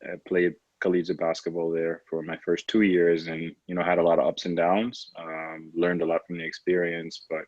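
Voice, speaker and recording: His voice is low and darkish, with a completely flat delivery at a moderate pace and few pauses. A late-twenties pro basketball player from Trinidad and Tobago, he reflects conversationally on a podcast, frequently saying "you know," in roomy, slightly dull lo-fi audio.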